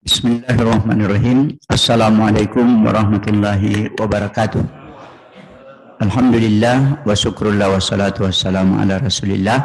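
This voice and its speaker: A man from the audience asking a question at a mosque lecture, opening with formal Islamic greetings and speaking slowly with pauses. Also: lowish voice, rough recording. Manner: formal greetings, slow and hesitant. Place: mosque hall.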